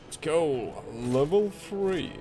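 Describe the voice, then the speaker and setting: Slow-talking man commentating on a game. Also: on the high side, lively intonation. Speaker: gaming video host. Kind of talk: casual gameplay commentary. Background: loud game music.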